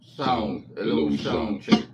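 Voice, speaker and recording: Guy doing a casual gadget demo, voice pitched way down by a mic effect, saying sound check over and over. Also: big pitch swings, drawn-out words, distant mic, highs cut off, a loud crowd. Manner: repeats mic-test phrases into the effect. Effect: deep pitch-lowering voice changer from a karaoke mic. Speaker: product reviewer.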